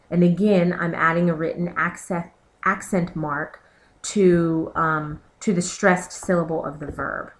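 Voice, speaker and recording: Woman, teacher, slideshow voice-over; clear methodical explainer, lowish pitch. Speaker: Spanish teacher. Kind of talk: recorded slideshow lesson.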